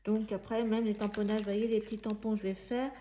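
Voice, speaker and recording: A woman giving a casual step-by-step craft demonstration, thinking aloud in halting, searching phrases as she works. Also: mid-range voice, little pitch movement, mellow, slight background noise. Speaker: craft tutorial presenter.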